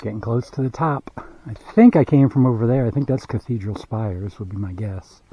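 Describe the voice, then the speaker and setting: Talking at a moderate pace in a dark, medium-pitched voice, a hiking vlogger casually thinks aloud, rambling and leaning on fillers outdoors on trails and at a campground. The dull lo-fi camera audio carries a little hiss or hum.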